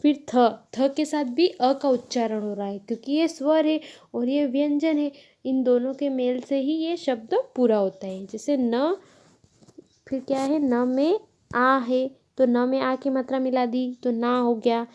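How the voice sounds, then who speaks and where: A woman teacher slowly walking children through a lesson, explaining each step patiently and correcting herself as she goes. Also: high voice, a little mellow, highs cut off. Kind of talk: Hindi grammar lesson.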